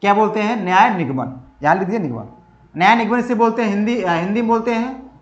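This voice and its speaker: This exam-prep lecture on reasoning comes from a man whose voice sits high and moves fast, with the high frequencies cut off in the recording. He emphatically asks and answers his own questions again and again in an echoey space.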